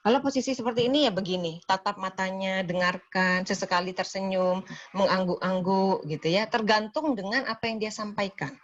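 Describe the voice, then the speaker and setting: A woman lecturing nursing students in a classroom, explaining calmly and acting out short nurse-patient dialogues. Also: medium pitch, moderate pace, lo-fi sound.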